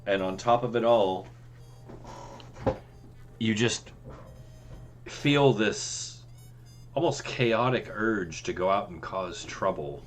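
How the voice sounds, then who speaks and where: A man running a tabletop game as game master, narrating scenes in a slow, dramatic way. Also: fairly low pitch, a little hiss or hum.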